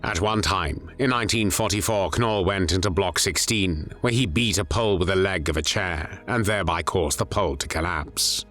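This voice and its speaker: Low-voiced man narrating a grave documentary. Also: a bit bright. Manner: grave, measured. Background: faint music.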